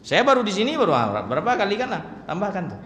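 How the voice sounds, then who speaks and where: A man preaching an evening religious lecture, chatty and humorous, slowing down to chant Arabic verses. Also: high-pitched, wildly swooping pitch, a bit bright. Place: mosque hall. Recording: echoey hall, faint room noise.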